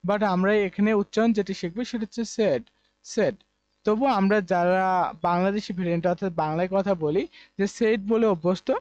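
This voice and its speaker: A man's voice: high-pitched, darkish tone, dry recording, highs cut off. A man from Bangladesh teaching an online English lesson, repeating word forms over and over and explaining with many fillers. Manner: repetitive drilling of pronunciations.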